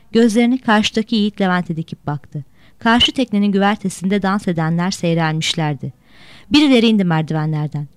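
A woman's voice: medium pitch, dry recording. Woman narrating a novel, dry close voice. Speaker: audiobook narrator. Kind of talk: storybook narration.

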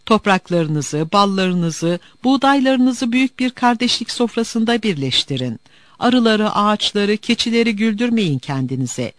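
A man voicing a small boy who shouts and pleads for peace in a storybook tale. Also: high voice, big pitch swings, a little slow, dry recording. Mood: pleading.

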